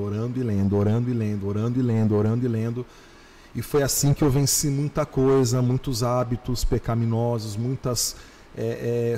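A male pastor telling his conversion story on a podcast, animated, slowing down and repeating phrases for emphasis. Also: medium pitch, long reverb tail. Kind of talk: podcast testimony.

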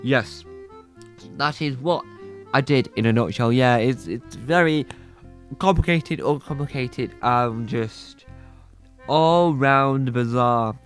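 A man's voice: medium pitch, slow pace, a bit bright, soft background music, pitched below the performer's own voice. A man voicing an earnest, persistent male talking badger, rambling as he explains himself.

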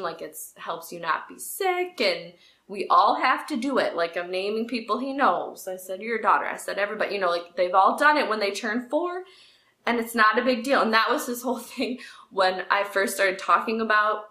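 A woman's voice: mid-range voice, a little fast. A woman co-hosting a casual podcast, telling a story animatedly and acting out the people in it. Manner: animated storyteller, acts out quoted voices. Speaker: podcast co-host. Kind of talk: casual chat. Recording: echoey room.

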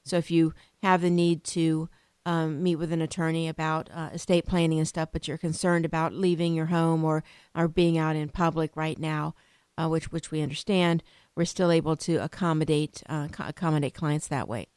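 A woman with a smooth, lowish voice gives interview answers as an attorney. She speaks haltingly and is recorded dry and close. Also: flat delivery, a little mellow, no room sound. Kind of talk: spontaneous radio interview answers.

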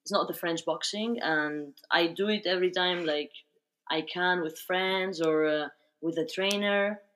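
A young woman talks easily as a podcast guest. Her speech is loose and chatty, full of fillers, at a middle pitch. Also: unhurried, fairly bright tone. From Spain. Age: young adult. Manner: chatty, fillers like "like" and "you know". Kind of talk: casual interview.

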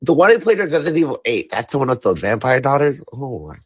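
A man's voice: mid-range voice, sing-song, fast, breathy edge, no room sound. A young man in a casual group chat about video games, slangy and often repeating himself.

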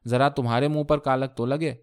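A man's voice: mid-range voice, steady tone, a little mellow, clear, resonant tone, close to an everyday voice. A man voicing an emotional young bride who scolds her husband with impassioned pleas, in a read-aloud story. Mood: scolding.

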